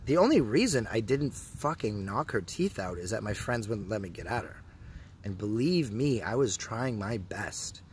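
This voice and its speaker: A man's voice: fairly low pitch, slight background noise. A Canadian man with a Canadian English accent ranting casually to camera, swearing often and telling his story with heavy sarcasm. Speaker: vlogger.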